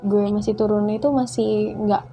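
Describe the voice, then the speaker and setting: A young woman, a guest in casual conversation who tells her story lively and acts out the dialogue. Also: medium pitch, normal speed, soft background music.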